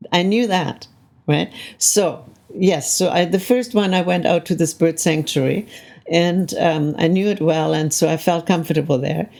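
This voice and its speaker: Her voice is deep and darkish, with some vocal fry. She's an older soundscape composer from Canada being interviewed, reflecting thoughtfully in conversation and frequently asking "right?".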